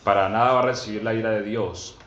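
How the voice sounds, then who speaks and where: A man preaching a sermon to his congregation, reading scripture slowly and often asking them questions. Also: steady tone, fairly bright tone. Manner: peppers teaching with questions to the congregation; reads scripture aloud slowly and emphatically. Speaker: pastor. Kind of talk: sermon teaching. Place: church gathering with a congregation. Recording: roomy, dull low-fi sound.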